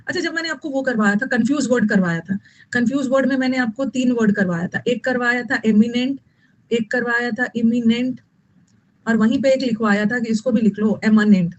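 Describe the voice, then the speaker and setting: A woman's voice: fairly high pitch, fast talker, highs cut off. A woman teaching English vocabulary in an online exam-prep lesson, repeating key words and scolding students.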